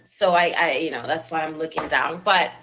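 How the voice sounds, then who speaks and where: A Cuban woman in her thirties, speaking with a Cuban Spanish accent, hosts a live stream talk show and keeps thanking people in her effusive, chatty way. Her voice is low and sharp at a normal speed, with a little hiss or hum in the background.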